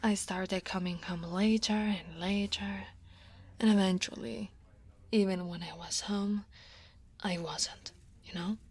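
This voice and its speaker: Slowly, with frequent pauses, a woman from Italy speaks in a husky, steady, mid-range voice with an Italian accent. She plays a guarded, workaholic dragon woman and senior coworker in a soft, often whispered ASMR roleplay, wistful, wry and self-deprecating, with sighs and soft laughs.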